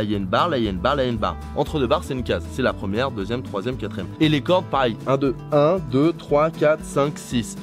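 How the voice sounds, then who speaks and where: A young man talks through a beginner guitar tutorial, recorded outdoors. His voice rises and falls a lot, and he keeps it casual and self-mocking, drifting into rambling asides. A guitar is faintly heard under his voice. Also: medium pitch. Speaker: YouTuber teaching guitar. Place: outdoors on holiday. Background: guitar playing.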